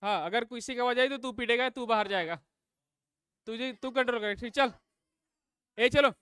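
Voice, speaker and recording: High, bright-voiced male teacher scolding class. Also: moderate pace, smooth, no echo. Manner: drills class with call-and-response questions, scolds noisy students. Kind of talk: live classroom lesson.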